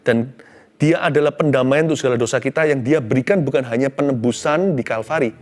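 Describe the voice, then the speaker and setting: A middle-aged man preaching a sermon, telling a personal story with animated swings between loud exclamations and hushed tones, mixing in English phrases. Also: mid-range voice, fast. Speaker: pastor.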